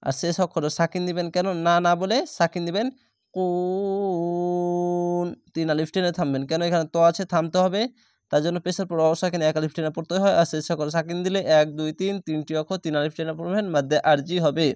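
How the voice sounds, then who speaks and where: A man leads a patient recitation lesson, breaking each word into letters and vowel marks before chanting it slowly. His voice sits a little high and rings smooth and clear. The sound is dry and close. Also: steady tone, a little mellow, no echo. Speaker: Quran recitation teacher.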